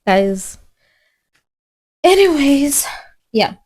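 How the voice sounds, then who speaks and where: A woman's voice: sits high, very animated, extremely slow, darkish tone. A young woman from Zimbabwe vlogging in a chatty, rambling way, full of fillers and restarts, recorded on her phone. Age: young adult. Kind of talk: casual chat.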